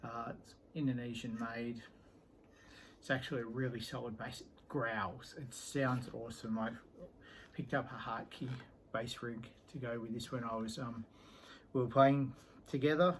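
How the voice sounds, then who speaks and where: A middle-aged man talks through his guitars in a relaxed, meandering way, often pausing on an um and letting sentences trail off. His voice sits in an ordinary middle pitch, and a faint hum of ambient noise lies under the recording. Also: low-quality recording. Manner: rambling and easygoing, with many ums and trailing sentences. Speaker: guitar collector showing his instruments. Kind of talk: casual show-and-tell vlog.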